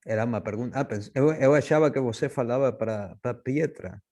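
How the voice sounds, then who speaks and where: A man's voice: medium pitch, fairly quick, mellow. A man with a Spanish-speaker's accent, informally moderating an academic panel and hesitating as he mixes languages.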